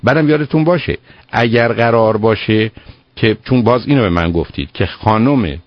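A man's voice: lowish voice, no echo. A man hosting a radio call-in advice show, earnest and lecturing, repeating words for emphasis. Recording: dull lo-fi radio broadcast.

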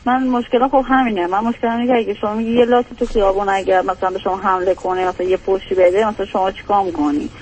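A woman's voice: mid-range voice, fairly even intonation, few pauses, a little mellow, a little hiss or hum, rough recording. A woman calling an advice show, rambling hesitantly about a family problem. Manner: hesitant, rambling, fills with "for example". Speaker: caller. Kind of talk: phone-in conversation.

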